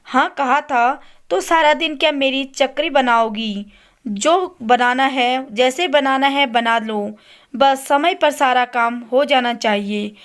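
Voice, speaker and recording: A woman's voice: sits high, slow, a bit bright. A woman voicing a bossy, irritable middle-aged mother-in-law in a storybook, scolding and complaining. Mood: exasperated. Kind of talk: storybook character voice.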